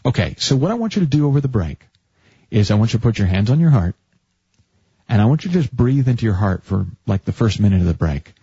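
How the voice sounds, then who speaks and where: In a radio studio, a man hosts a call-in advice show, chatting in a coaching manner and often interrupting himself to restart sentences. His voice is lowish, dark and husky, with a fast, sing-song delivery. The sound has no room tone, and its highs are cut off.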